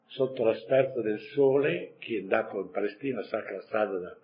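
A man's voice: on the low side, brisk, lo-fi sound. A man giving a catechism lesson in a conversational way, adding rhetorical asides and chuckling now and then. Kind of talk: catechesis talk.

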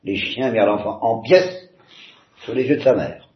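A man's voice: mid-range voice, moderate pace, natural voice. A man reading a novel aloud, voicing a bitter, tormented young man who swings from wry irony to anguished outbursts. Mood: grim, bitter. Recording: roomy, slightly dull.

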